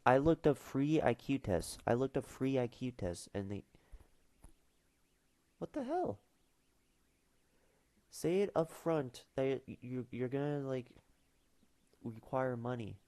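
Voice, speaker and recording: A teenage boy chats casually on a livestream, mumbling and trailing off with fillers as he reads questions aloud. His voice is mid-range with a dark tone, and there's no room sound.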